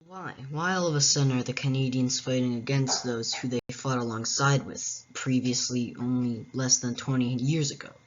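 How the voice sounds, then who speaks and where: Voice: mid-range voice, steady tone, moderate pace, few pauses. A host narrating a history explainer in a casual way, with wry, joking asides. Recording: dull, muffled lo-fi recording.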